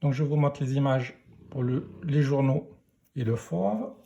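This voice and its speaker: A man teaching young children to read, sounding out syllables slowly and deliberately. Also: mid-range voice, vocal fry, mellow, dull audio. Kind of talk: reading lesson for young children.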